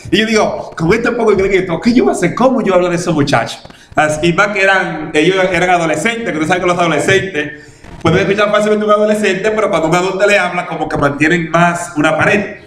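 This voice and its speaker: A man's voice: high-pitched, quick pace. A man pastor, preaching a storytelling sermon in a church and acting out past conversations. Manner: animated, laughing testimony, acting out past conversations. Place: church in Massachusetts. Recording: echoey church hall, faint room ambience.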